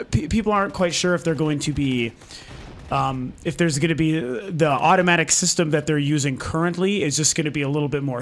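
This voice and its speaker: Over gameplay footage, a man from Denver, Colorado, who hosts a gaming channel talks casually to his viewers from home, his voice fading and his speech peppered with ums and false starts. It's a slightly high voice, with a bit of background noise.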